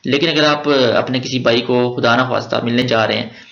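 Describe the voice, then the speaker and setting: A man's voice: mid-range voice, steady tone, brisk, vocal fry, fairly bright tone. A man with a Pakistani Urdu accent touched with Punjabi, giving a chatty step-by-step exam-prep grammar lecture with joking asides. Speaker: teacher. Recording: roomy, dull lo-fi recording.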